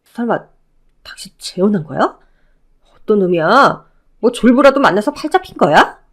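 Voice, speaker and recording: A woman's voice: mid-range voice, sing-song, moderate pace. A woman voicing a wheedling, self-pitying ex-husband who begs his former wife to take him back, in a Korean audio drama. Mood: pleading. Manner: pleading, whiny.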